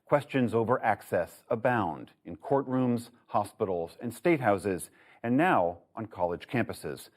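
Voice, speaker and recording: A man's voice: on the low side, expressive, measured pace. A man reading a scripted news introduction as anchor.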